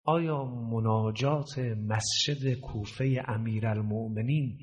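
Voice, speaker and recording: A man giving a sermon who moves between loud, emphatic peaks and low, hushed storytelling, and draws out the verses he quotes slowly. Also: fairly even intonation, lo-fi sound. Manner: slows and stretches quoted verses. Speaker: preacher. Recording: long hall reverb.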